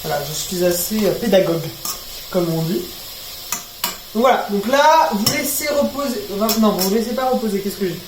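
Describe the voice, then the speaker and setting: A young man vlogs while cooking in his home kitchen, rambling chaotically with self-mocking, swearing asides. His voice is high and animated at a moderate pace. The echoey kitchen carries background noise of frying, sizzling food in a pan, and stirring.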